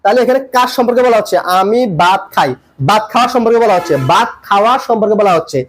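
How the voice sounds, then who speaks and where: A man's voice: high voice, racing. A man teaching English grammar in a tutorial lesson, repeating points and quizzing the viewer with questions as he explains.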